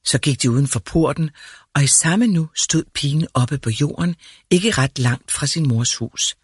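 A man narrating a fairy tale in a calm, measured storytelling manner. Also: a little high, breathy edge, no echo, clean studio sound.

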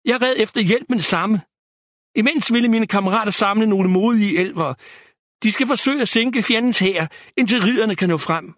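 A man's voice: high voice, a bit bright, dry recording, clean studio sound, pitched above the performer's own voice. A man voicing a panicked young male elf border guard in a storybook, talking breathlessly and urgently.

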